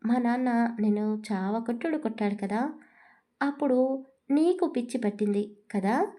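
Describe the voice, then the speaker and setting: A woman's voice: fairly high pitch, normal speed, warm tone, close to an everyday voice. A woman reading the lines of a stern, vengeful young husband in a storybook, speaking firmly and commandingly. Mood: cold. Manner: commanding, cold, firm.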